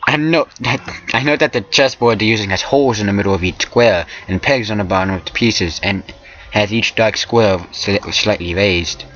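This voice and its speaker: A man's voice: lowish voice, normal speed, fairly bright tone, highs cut off. A man reading a visual novel aloud for a let's play, stumbling over words and tossing in joking asides. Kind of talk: casual let's play narration.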